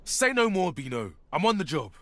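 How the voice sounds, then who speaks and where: An actor playing a sardonic but idealistic vigilante superhero who banters, in a video game. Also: male voice, high-pitched, very animated, fairly quick, background noise. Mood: earnest. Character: wry idealistic male vigilante superhero, banters with old friends.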